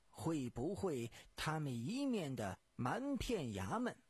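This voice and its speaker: A man tells a serialized detective story for radio, stretching his phrases and sighing along the way. His voice is somewhat high and swings widely in pitch, with a husky grain. The recording is close and dry. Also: no room sound. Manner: expressive, drawn-out storyteller phrasing with sighs.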